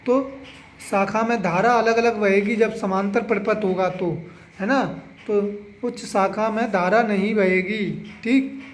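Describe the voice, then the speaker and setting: A young man with a notably high voice runs an exam revision lesson. He moves briskly from question to question, repeats each key answer, and keeps checking in with students. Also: fairly even intonation. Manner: drills answers, repeats "है ना?" and urges memorizing. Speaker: exam-prep teacher.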